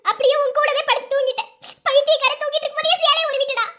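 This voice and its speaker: Squeaky little cartoon girl voice w madurai tamil accent, whiny n giggly, scolds a lot , a woman doing it. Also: steady tone, rapid-fire, a bit bright. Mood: teasing. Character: young woman, flustered and teasing. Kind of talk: cartoon voice acting.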